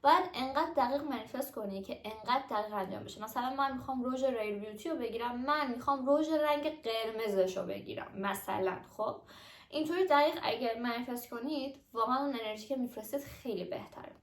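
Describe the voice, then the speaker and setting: A young adult woman talking casually and directly to her viewers in a chatty explainer vlog. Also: on the high side. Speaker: vlogger. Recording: echoey room.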